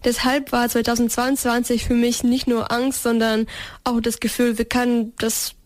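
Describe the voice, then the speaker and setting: A teenage girl from Ukraine answers interview questions. Her voice sits fairly high, and the sound is close and dry. She hesitates often and restarts her sentences. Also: flat delivery, moderate pace, dry recording. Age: teens. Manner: hesitant, many fillers and restarts. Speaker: interview guest.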